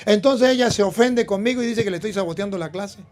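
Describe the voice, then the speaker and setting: A male priest giving a sermon, telling a story and acting out the people in it with animated delivery. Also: sits high, fast talker. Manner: animated, acts out the people in his stories.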